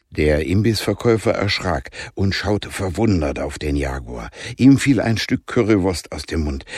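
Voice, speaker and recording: A man narrating a children's adventure audiobook in a calm, measured storytelling voice. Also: low-pitched, breathy edge, no echo, studio quality. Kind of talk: scripted narration.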